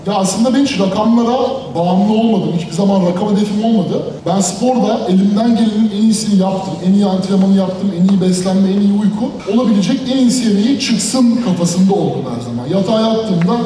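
High voice, dark tone, plain matter-of-fact guy on a panel, far off, echoey. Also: fairly quick, few pauses, slight background noise. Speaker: strongman panelist. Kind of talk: panel answer. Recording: distant voice in an echoey hall.

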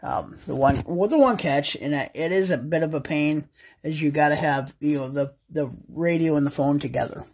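A man's voice: fairly high pitch, normal speed, darkish tone. An American man in his thirties chatting casually as he explains things as a vlog host, folksy, slangy and plain-spoken. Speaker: vlog host and ham radio hobbyist. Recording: faint outdoor ambient noise.

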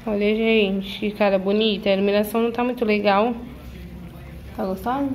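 A woman's voice: mid-range voice, little pitch movement, a little fast, a little mellow. A young woman from Brazil hosting a casual home cooking vlog, chatting to viewers and cheering on her partner as he cooks. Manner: chatty, addresses viewers directly, praises and prompts her partner. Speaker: channel host filming her husband cooking. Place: home kitchen.

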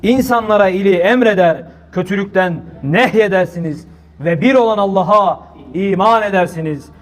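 A man's voice: high-pitched, moderate pace. A man with a Turkish accent giving an impassioned religious talk to an audience, exhorting his listeners and reciting Arabic verses. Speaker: preacher.

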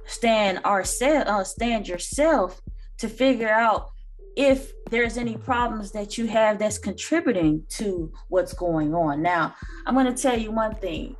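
A woman's voice: mid-range voice, unhurried, a little hiss or hum. A woman in her thirties, host of a reaction channel, giving earnest, lecturing commentary with occasional ums, recorded indoors on a phone or webcam. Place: small room indoors.

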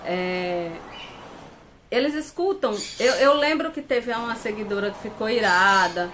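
A woman's voice: a little high, unhurried, a bit bright, a little hiss or hum. A woman hosting a casual live stream from home, reading viewer comments aloud and laughing often.

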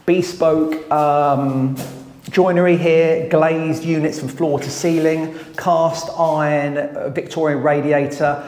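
A site manager from a renovation company, a man in his thirties, walks casually through an empty house under renovation and briskly lists the work room by room, item by item, in a matter-of-fact way. His voice is a little high, steady and darkish. He's captured indoors among bare plastered rooms by a wide-angle camera someone else carries, a few meters off.

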